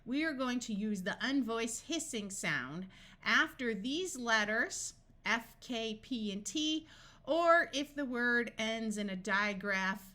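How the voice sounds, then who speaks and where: A reading tutor narrates a scripted phonics lesson, deliberately sounding out words piece by piece. Her voice is on the high side, with a sharp tone.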